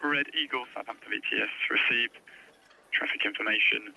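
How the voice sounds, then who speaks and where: A man's voice: on the low side, steady tone, brisk, vocal fry, bright, forceful tone, husky, low-quality recording. A man working as a vessel traffic radio operator, speaking formal, clipped procedural phrases over marine VHF. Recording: marine radio with faint noise.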